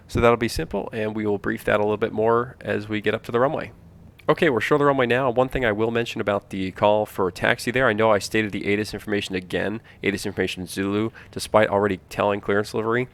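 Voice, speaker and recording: A man's voice: on the low side, vocal fry, fairly bright tone. A man giving an informal instructional walkthrough as a flight trainer, explaining each step and repeating key points for emphasis.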